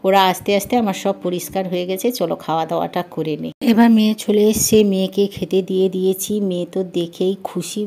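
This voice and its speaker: A woman's voice: mid-range voice, dark tone. A middle-aged woman with a Bengali accent chatting through a cooking vlog from her home kitchen, talking to viewers like friends. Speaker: vlogger and housewife. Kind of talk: casual cooking vlog narration.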